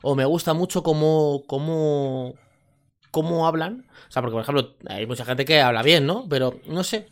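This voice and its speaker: A man's voice: a little high, normal speed. A man co-hosting a casual tech podcast chat, running words together, stumbling and swearing casually. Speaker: podcast host, tech reviewer.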